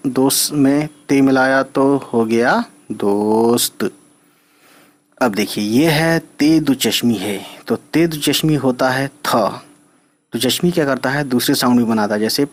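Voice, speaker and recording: A male teacher talks his way through a reading lesson at an unhurried, deliberate pace. His voice sits at an ordinary middle pitch. He spells each word out letter by letter and keeps asking whether it makes sense. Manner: patient, spells letters out slowly, often asks "right?". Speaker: Urdu teacher.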